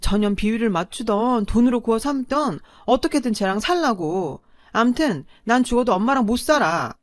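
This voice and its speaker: A woman's voice: on the high side, expressive, normal speed, dry recording, clean studio sound, natural voice. A woman voicing a spoiled, selfish older sister who talks in a whiny, dismissive way.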